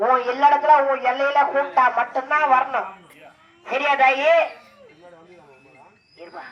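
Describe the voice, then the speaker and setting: High-voiced man coaxing at a temple rite. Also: flat delivery, unhurried, lo-fi sound. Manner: coaxing, repetitive questions with shouted calls. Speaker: temple ritual drummer and officiant. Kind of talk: ritual questioning of a possessed devotee. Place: temple festival. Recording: echoey, distant mic. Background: drums and music.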